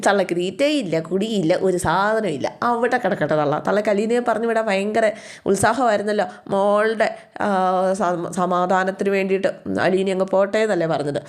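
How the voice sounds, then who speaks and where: A woman retells a serial episode in a relaxed, chatty way. She keeps slipping in sharp, scolding asides about the characters, in a voice of middling pitch. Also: normal speed. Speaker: storyteller recapping a TV serial.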